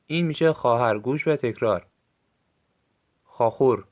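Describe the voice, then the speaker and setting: A man with a Gilaki accent giving a recorded language lesson, saying short phrases slowly and clearly for listeners to repeat. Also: medium pitch, a little mellow. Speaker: language teacher.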